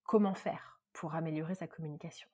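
A woman from France hosting a self-help podcast, talking very fast and lively as she gives advice. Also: low-pitched, slightly rough. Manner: very fast, lively talker with many examples. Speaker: podcast host and coach.

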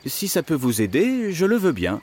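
A man narrating a children's story in a playful, expressive way as an inventor teacher. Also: on the high side, normal speed.

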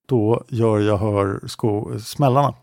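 A man's voice: on the low side, fairly even intonation, darkish tone, no room sound, studio quality, natural voice. A man reading the part of a male eyewitness giving short, clipped answers in an interrogation. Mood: terse. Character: male eyewitness recalling a shooting.

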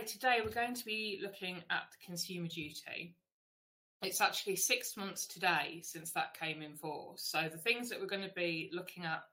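Woman, webinar host, chatty, welcoming, frequent ums, bright tone, lowish pitch. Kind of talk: hosting a live webinar.

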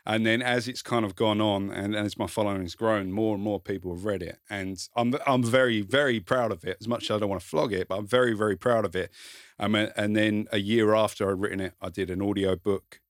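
A man's voice: on the low side, fairly even intonation, fairly quick, no room sound, studio quality. A man from Kent with a south-east English, Essex-like accent, talking casually and modestly about himself as an interview guest. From Kent, England. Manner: self-deprecating, informal, swears. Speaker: podcast guest, content creator and author. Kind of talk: casual conversation, personal storytelling.

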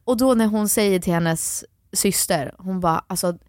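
A woman's voice: medium pitch, a little mellow, no room sound, clean studio sound. A young adult woman in casual chat, blunt and opinionated, swearing freely. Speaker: podcast co-host.

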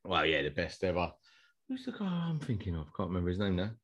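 Low-voiced Essex man, matey football chat. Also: big pitch swings, fast, breathy edge. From Essex, England. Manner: colloquial, matey, slangy. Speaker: podcast co-host.

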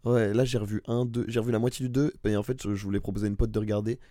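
Homme à la voix grave et chaude. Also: male voice, on the low side, very fast, no room sound, studio quality. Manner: rambling, restarts, animated about comedy. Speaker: podcast co-host. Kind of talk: casual chat.

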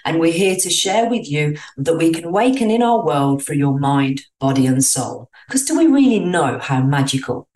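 A woman's voice: low-pitched, animated, moderate pace, hardly any pauses, a little mellow. A woman with a British accent hosting a podcast interview, speaking in an effusive, gushing way full of spiritual phrasing. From Britain. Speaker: podcast host. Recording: roomy echo, distant from mic.

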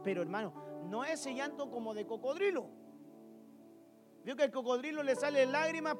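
A man preaching a sermon to a congregation in a church, telling stories and firing rhetorical questions at the listeners. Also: high-pitched.

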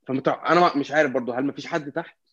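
A man with an Egyptian Arabic accent in casual football discussion, halting and repetitive as he searches for words. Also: mid-range voice, a bit bright, dry recording, lo-fi sound. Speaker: football fan commentator.

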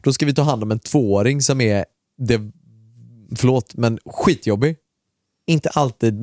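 A man co-hosting a podcast, casually telling a long anecdote in a relaxed, chatty way with lots of filler words and mild swearing. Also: medium pitch, no echo, studio quality. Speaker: podcast co-host.

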